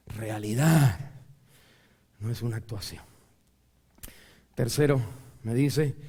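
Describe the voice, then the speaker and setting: Gravelly preacher swinging from murmur to shout. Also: male voice, medium pitch. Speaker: pastor. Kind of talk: sermon.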